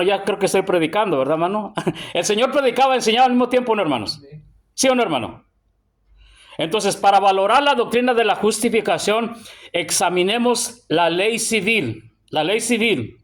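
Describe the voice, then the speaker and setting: A Mexican preacher in middle age, his voice sitting high for a man. He teaches in call-and-response, throwing questions out to the congregation and ending almost every phrase with "brother." When he reads scripture he slows down, drawn out and emphatic. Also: expressive. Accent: Mexican Spanish. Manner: call-and-response, tags lines with "hermano"; slow emphatic verse reading. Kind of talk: church sermon teaching.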